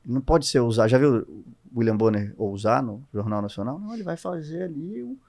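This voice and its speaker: A man with a Brazilian accent speaks as a podcast guest. His voice sits at an ordinary middle pitch, and he tells his stories and explains his points with lively, expressive energy. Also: fast talker. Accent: Brazilian Portuguese. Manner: animated, expressive storyteller. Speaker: guest entrepreneur. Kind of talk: casual podcast conversation.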